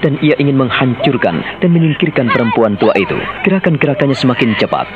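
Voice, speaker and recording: A man narrating a radio drama in a steady storytelling manner. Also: medium pitch, fast. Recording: dull radio audio under loud music.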